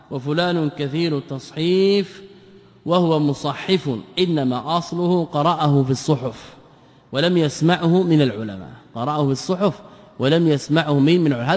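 A man's voice: fairly high pitch, a little mellow. A man teaching a religious class, asking rhetorical questions and repeating key phrases as he explains texts word by word. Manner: explains word forms and grammar step by step. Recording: long echo of a hall.

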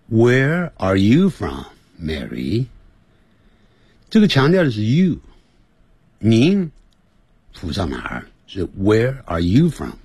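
Husky man teaching English slowly. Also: low voice, darkish tone, no echo. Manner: explains slowly, mixing English and Chinese. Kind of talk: radio English lesson. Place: radio studio.

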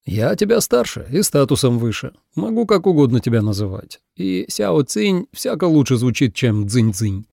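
A man's voice: mid-range voice, sing-song, moderate pace, gravelly, few pauses, mellow, dry recording, clean studio sound. A man voicing a proud, touchy young male crow who speaks with self-important airs. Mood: haughty, touchy. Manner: pompous, easily offended.

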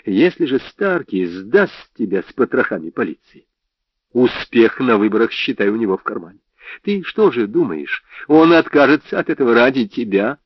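A man's voice: mid-range voice, sing-song, moderate pace, dry recording. A man voicing a brash, scornful private eye in an audiobook, goading and sneering as he talks. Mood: taunting. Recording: dry, slightly dull audio.

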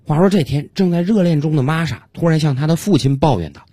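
A man's voice: on the high side, quick pace, music in the background. A man narrating a comic story. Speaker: joke teller.

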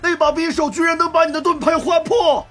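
A man voicing a desperate adult male fighter who yells in a strained, raised voice. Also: very high voice, level tone, brisk, soft background music, voice pushed up. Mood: alarmed. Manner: strained, yelling.

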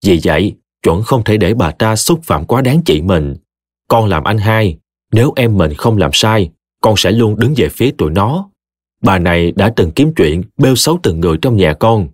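Man voicing a calm, dignified eldest son. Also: on the low side, no room sound, clean studio sound. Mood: measured firm. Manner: respectful, measured.

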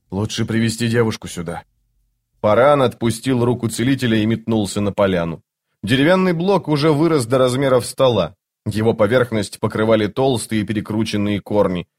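A man reading a fantasy novel aloud in an even, measured narration. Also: lowish voice. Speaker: audiobook narrator. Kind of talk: scripted narration.

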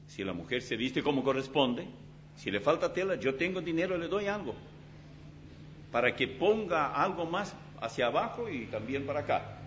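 Animated preaching man, lively pitch. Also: normal speed. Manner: animated, dramatic preaching with vivid illustrations. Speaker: pastor. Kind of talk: sermon. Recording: slightly dull recording with faint hum.

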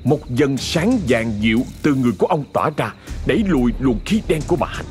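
A man narrating a horror story in a dramatic, expressive scripted reading. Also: mid-range voice, a little fast, soft background music.

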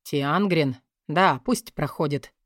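A tired, stern young king speaks in a low, clipped voice, pressing short questions and orders. A woman narrator puts him on, dropping her voice. The recording is close and dry, with no room sound. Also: slow pace, no room sound. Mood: weary.

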